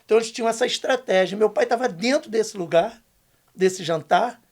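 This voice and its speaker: An older man, a podcast guest telling a testimony story, emphatic and slangy, going hushed when quoting others. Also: high voice, fairly quick. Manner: emphatic, slangy, dips to a hushed voice for quoted lines.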